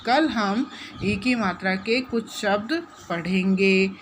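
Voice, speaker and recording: Slow, patient woman teaching young children. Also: mid-range voice, a little hiss or hum. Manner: gentle, repeats and stretches syllables, asks the class questions. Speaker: primary school teacher.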